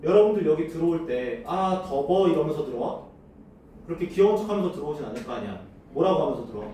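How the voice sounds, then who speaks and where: A man's voice: on the high side, very animated, very fast, mellow, a little hiss or hum. A man teaching a classroom lesson, often asking the students questions and then answering them himself. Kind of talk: classroom lecture. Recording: echoey room, voice from far off.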